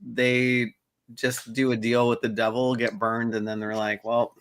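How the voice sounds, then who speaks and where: A man's voice: medium pitch, level tone, measured pace, a bit bright, clean tone. A man co-hosting a casual talk show, easygoing and reading out viewer comments. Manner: easygoing, reads out live chat comments. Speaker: podcast co-host. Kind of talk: casual chat.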